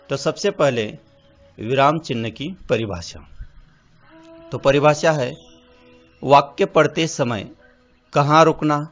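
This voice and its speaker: A man teaching grammar, dictating definitions in short, measured phrases. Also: mid-range voice, fairly bright tone. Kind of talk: slow, deliberate classroom explanation. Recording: slightly dull audio with faint music.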